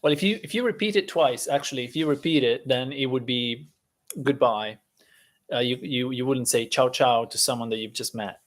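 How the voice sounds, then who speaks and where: Here a man whose first language is Italian hosts an informal live-stream class at a medium pitch. His delivery is conversational and stop-start, packed with filler words.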